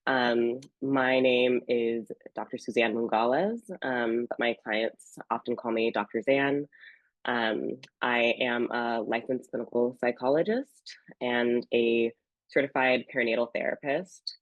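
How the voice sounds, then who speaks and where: Woman with a cold, gentle earnest workshop talk, hesitant ums, dry dull video-call sound. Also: a bass voice, steady tone, unhurried, no echo. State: sick, getting over a cold. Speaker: psychologist giving a workshop talk.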